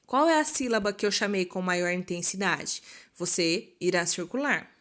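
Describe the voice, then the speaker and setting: A Brazilian woman teaching a recorded school lesson, slowly drawing out words to show their stressed syllable and playing her pupils' questions herself. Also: lowish voice, animated, a bit bright. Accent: Brazilian Portuguese. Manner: voices imagined pupils' questions.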